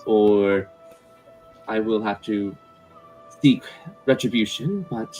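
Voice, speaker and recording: A serene, motherly goddess of the harvest for a tabletop fantasy game, acted out by a man. The delivery is measured and formal, gracious yet quietly stern, at an unhurried pace over faint music. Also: lowish voice, poor audio. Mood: gracious, warning.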